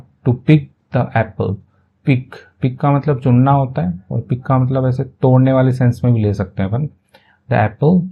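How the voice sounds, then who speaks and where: Slow-paced man explaining English in Hindi. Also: mid-range voice, phone-quality sound. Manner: reads English words slowly, then explains them in Hindi; self-correcting, with brief apologies. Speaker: English teacher. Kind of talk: line-by-line story translation lesson.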